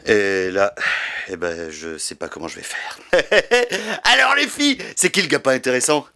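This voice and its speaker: A man chatting casually in a vlog while clearing out a closet at home, rambling, swearing and poking fun at himself. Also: on the low side, huge pitch swings, moderate pace, bright, forceful tone, soft background music. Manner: rambling, swearing, self-mocking. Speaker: YouTuber. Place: cluttered apartment, clearing a closet.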